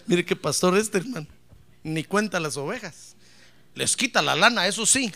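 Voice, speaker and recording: A male pastor delivering an emphatic sermon with a high, sharp, gravelly voice. His pitch swoops up and down as he rouses the congregation to repeat after him, easing into wry joking asides. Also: lively intonation, measured pace. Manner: emphatic preaching with call-and-response and joking asides.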